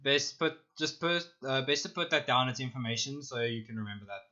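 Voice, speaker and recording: Young man running a tabletop game, bright-toned. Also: mid-range voice, expressive, brisk, muffled recording. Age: young adult. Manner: loose, rambling, self-mocking. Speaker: dungeon master. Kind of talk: narrating a tabletop game on stream.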